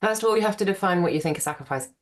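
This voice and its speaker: A woman's voice: medium pitch, animated, rapid-fire. A woman archaeologist, a podcast guest, talking in a chatty, rambling way and laughing easily. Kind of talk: conversational podcast interview.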